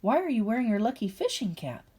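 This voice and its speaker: A woman's voice: on the high side, very animated, fast talker, mellow, breathy edge. A woman voicing an eager little boy bear cub in a storybook.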